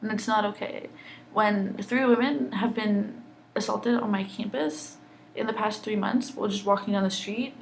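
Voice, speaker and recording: A woman's voice: medium pitch, steady tone, moderate pace, gravelly, a little hiss or hum, low-quality recording. Angry, upset young woman ranting. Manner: angry, intense, heavy swearing. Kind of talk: emotional personal vlog rant.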